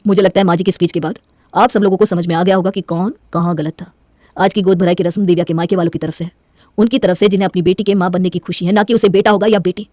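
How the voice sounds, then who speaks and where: A woman voicing a caring, earnest young husband in a spoken moral story, gentle and reassuring. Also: fairly low pitch, fairly even intonation, fast, dry recording, studio quality, lightly acted. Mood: firm. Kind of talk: Hindi moral story voice acting.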